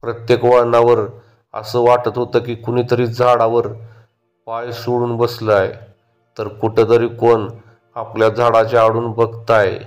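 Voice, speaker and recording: A man narrating a horror story in a steady, measured way. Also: mid-range voice, faint music behind.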